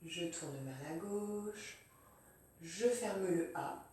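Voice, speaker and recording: Slow, calm woman teacher in an echoey room. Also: fairly low pitch, recorded from a distance. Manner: calm, step-by-step, narrating each pen stroke. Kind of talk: slow handwriting demonstration. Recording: very roomy, voice off-mic.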